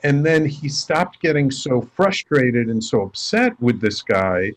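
A man talking as a guest in a relaxed interview, with a voice of middling pitch. He tells his stories with energy and slips into the voices of the people in them. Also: measured pace. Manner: animated storyteller acting out quoted dialogue. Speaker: life coach and radio host, guest. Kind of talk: casual storytelling interview.

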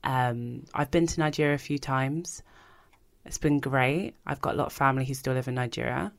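A woman from London co-hosting a podcast, chatting in a relaxed, reflective way. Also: extremely low pitch, moderate pace, vocal fry. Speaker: podcast host. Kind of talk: casual chat.

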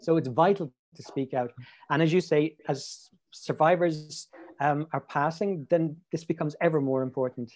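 A man interviewing in a measured, earnest way, with formal, prepared phrasing. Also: fairly high pitch, darkish tone. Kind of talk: prepared interview questions and remarks.

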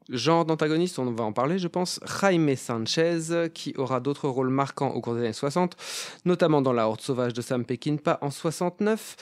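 A man's voice: mid-range voice, dry recording. A man hosts a film discussion show. His voice sits in a middle register and is recorded very dry. He presents prepared notes in an articulate, orderly manner. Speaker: host. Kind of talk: scripted introduction to a film round table.

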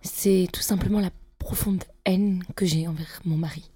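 Give me a woman playing a dreamy tipsy poet with a husky, low voice. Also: fairly even intonation, moderate pace, mellow. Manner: breathy, dreamy, wordplaying. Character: eccentric tipsy female poet patient. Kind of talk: improvised comedy role-play.

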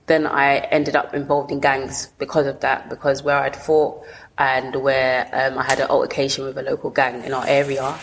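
Low-voiced woman with a south London accent. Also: level tone, normal speed, slight background noise, poor audio. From south London, England. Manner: colloquial, talks in short bursts with frequent rephrasing. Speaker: interview guest. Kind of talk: candid personal storytelling in an interview.

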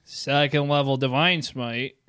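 A man playing a tabletop game, excitable and prone to swearing, reacting to his rolls. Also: medium pitch, measured pace, clear, resonant tone, no echo, studio quality. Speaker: player.

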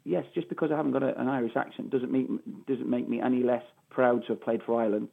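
On a phone call, a middle-aged ex-footballer from Manchester, England, with a Mancunian accent stresses his interview answers by repeating phrases. His medium-pitched voice is creaky, fast, and fairly even in intonation.

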